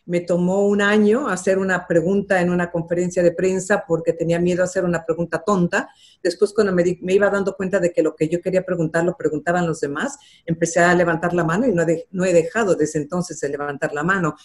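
Speaking fast in a steady, lowish voice, this older female TV journalist is being interviewed. She reflects earnestly on her career path, dropping in the occasional filler.

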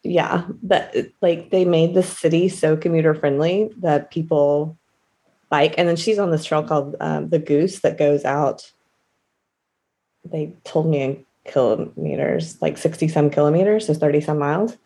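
A woman's voice: deep voice, unhurried, mellow. A woman chatting casually as a podcast co-host, rambling through anecdotes. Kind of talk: casual chat.

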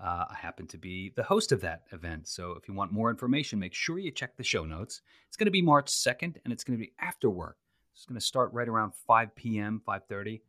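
A man hosts a podcast in a relaxed, chatty way, with a lowish voice. The sound is dry and close. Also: a little fast, no room sound. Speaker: podcast host. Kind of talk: casual podcast chat.

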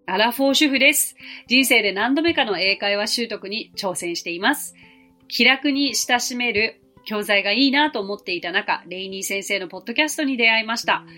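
A woman in her forties hosting a podcast English lesson, explaining clearly and gently and slowing down to model English phrases. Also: on the high side. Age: 40s. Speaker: English teacher and podcast host.

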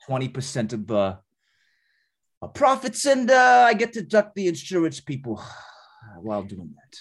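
A man playing an evasive male beauty shop owner in an improvised comedy scene, halting and full of fillers. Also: fairly high pitch, wildly swooping pitch, exaggerated voice. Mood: hesitant.

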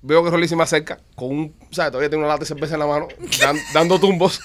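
A man's voice: fairly high pitch, steady tone, rapid-fire, slight background noise. A man telling a shared funny story in casual chat, jumping in to add details with a laugh.

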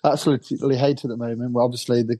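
Flat, mellow-voiced English football fan. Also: male voice, medium pitch, rapid-fire. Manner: rambling, repeats words, laughs easily. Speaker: football podcast co-host. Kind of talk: casual fan chat.

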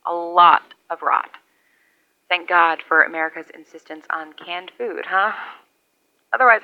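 An actress playing a lone, wry survivor rambling into a CB radio years after the collapse. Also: female voice, lowish voice. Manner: rambling, wry, conversational monologue. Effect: over a CB radio. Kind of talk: audio drama radio log. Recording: muffled lo-fi radio sound.

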